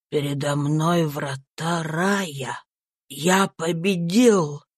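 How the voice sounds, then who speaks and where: A woman's voice: low voice, slightly rough, no echo, clean studio sound, pitched below the performer's own voice, heavily acted. A woman voicing a dying, devout old male slave who speaks weakly and solemnly in an audiobook reading. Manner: weak, faint, slow and solemn. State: whispery and breathless.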